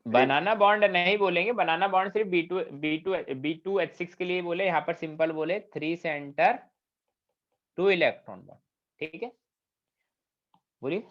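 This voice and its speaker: With long pauses and an unhurried delivery, a man in a high-pitched voice teaches a chemistry class. He uses Hindi with English technical vocabulary and frequently asks students questions to confirm they understand. It's a dull lo-fi recording.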